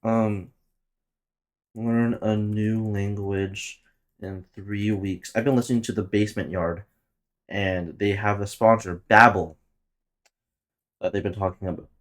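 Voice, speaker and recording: On his own casual podcast, a Tagalog-speaking man about to turn twenty speaks slowly with frequent pauses, his fairly low voice keeping a fairly even intonation. His monologue wanders freely, full of cursing and chuckles at his own humor.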